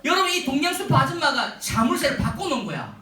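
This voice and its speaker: A man giving a humorous storytelling sermon to a youth retreat, animated and often addressing the audience, in a large echoey hall from a distance. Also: very high-pitched, quick pace.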